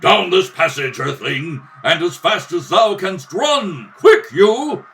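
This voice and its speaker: A man's voice: high voice, expressive, takes it slowly, a bit bright, a little hiss or hum, exaggerated voice. A man voicing a proud, noble warrior prince in a radio space serial, with formal, archaic speech. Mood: urgent. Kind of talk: old-time adventure radio serial acting.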